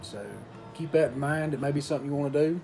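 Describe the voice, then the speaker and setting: A man giving a casual review in an unhurried, folksy way, pausing between short phrases. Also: on the high side, fairly even intonation, music in the background. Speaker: pipe tobacco reviewer. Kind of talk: casual product review talk.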